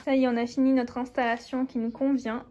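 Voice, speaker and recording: A young woman talks to her camera at home, bubbly and chatty. Her voice sits fairly high and she fills gaps with frequent hesitations. There is a faint hiss behind her. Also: flat delivery, quick pace, muffled recording. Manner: chatty and enthusiastic, many fillers. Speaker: vlogger. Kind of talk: casual chat.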